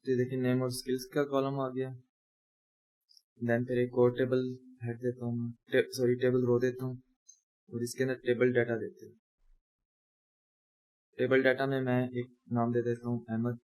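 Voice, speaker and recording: Long pauses mark this screen-recorded coding tutorial, in which a young man with a mid-range, slightly mellow voice speaks at normal speed with completely flat delivery. He talks through each step while typing, correcting himself as he goes.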